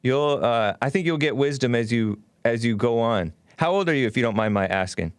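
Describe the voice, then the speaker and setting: A man's voice: mid-range voice, animated, brisk, clean tone, no room sound, studio quality. A man hosting a call-in show, talking casually with callers.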